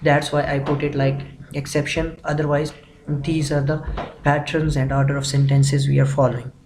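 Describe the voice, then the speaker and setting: Man teaching grammar, slightly high. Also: little pitch movement, moderate pace, noisy background. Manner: methodical, repeats phrases while explaining. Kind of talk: explanatory grammar lecture.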